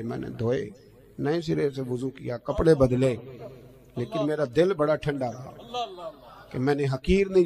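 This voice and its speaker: A male preacher, delivering an impassioned sermon that swings between loud outbursts and hushed asides. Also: a little high, gravelly. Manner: chants verse in a sung tone. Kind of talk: Islamic sermon.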